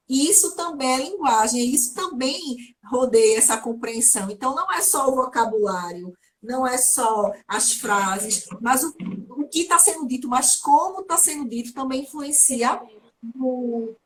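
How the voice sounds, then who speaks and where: A woman's voice: sits high, slight background noise. A woman speaking as a guest speech therapist in a live online chat, giving practical tips with everyday examples. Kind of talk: casual explanatory live chat.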